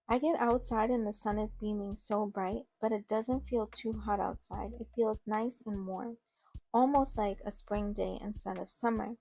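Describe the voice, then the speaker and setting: A woman's voice: mid-range voice, steady tone, normal speed, creaky, dark tone, slight background noise. A woman telling a first-person story in a casual, conversational way. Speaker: narrator.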